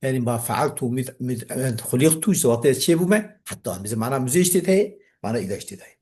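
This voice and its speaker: A man's voice: mid-range voice, lively intonation, rapid-fire, warm tone, husky. A man with a Kurdish accent teaching a classical grammar text, reading it aloud and then explaining it.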